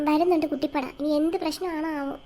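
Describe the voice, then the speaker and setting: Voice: high-pitched, fairly even intonation, quick pace, slight background noise, natural voice. A child voicing an irritable middle-aged mother who nags and scolds her family in a comedy skit. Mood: scolding. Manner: sharp, nagging, complaining tirades. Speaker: comedy sketch actor.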